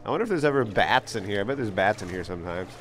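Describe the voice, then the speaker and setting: A man's voice: on the low side, animated, very fast, fairly bright tone, slight background noise. A man hosting an outdoor vlog, chatting and laughing as his voice echoes inside a tunnel under a bridge. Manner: upbeat, chatty, laughs often. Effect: echoing tunnel reverb. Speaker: vlog host, fossil hunter. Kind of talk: casual outdoor vlog chat.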